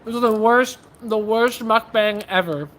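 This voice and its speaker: A woman's voice: on the high side, a little slow, a bit bright. A woman hosting a casual livestream, chatting with viewers in a scattered, self-interrupting way as she shows her practice swords.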